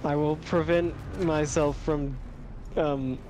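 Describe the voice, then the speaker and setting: A man's voice: a little high, fairly even intonation, slow, a little mellow, a little hiss or hum. A man chatting during a game with a teammate, hesitant with many ums and a dry sense of humor. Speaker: gamer. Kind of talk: casual gaming voice chat.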